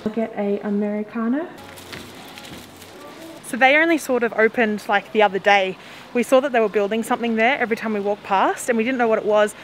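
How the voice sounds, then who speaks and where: On busy outdoor streets, a chatty young woman records a casual walking travel vlog on a handheld camera at arm's length. She talks briskly in a slightly high voice, rambling and laughing often. The audio is poor, with traffic and street noise in the background.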